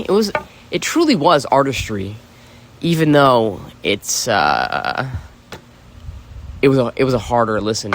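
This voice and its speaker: A man's voice: mid-range voice, a little hiss or hum. Rambling, cursing man in a monologue. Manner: rambling, profane, heavy on "you know" fillers. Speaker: podcast host.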